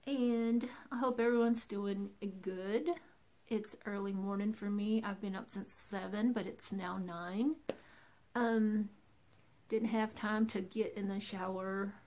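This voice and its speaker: Woman vlogger, low-key morning voice, kinda teary, talks slow and easy. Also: darkish tone. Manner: subdued morning voice. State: teary, emotional. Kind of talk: casual vlog talk.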